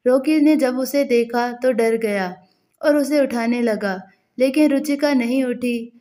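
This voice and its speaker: A woman narrates a dramatic story in a fairly high voice. She reads the dialogue of every character without changing her voice much, keeping a steady storytelling delivery.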